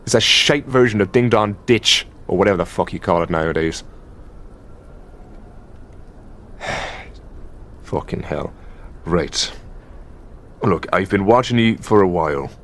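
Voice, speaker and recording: In this intimate ASMR roleplay, a man voices an exasperated, possessive Irish elder demon boyfriend who mocks in a halting, conversational way and swears a lot. His voice sits fairly low but has a fairly bright tone and lively intonation, his mood weary and derisive, with slight background noise.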